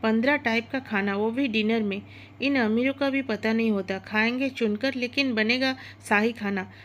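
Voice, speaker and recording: Woman doing a jealous gossipy young cook, chatty and grumbling, slightly high voice, storybook. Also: moderate pace, fairly bright tone, muffled recording, slight background noise, natural voice. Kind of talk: Hindi storybook narration.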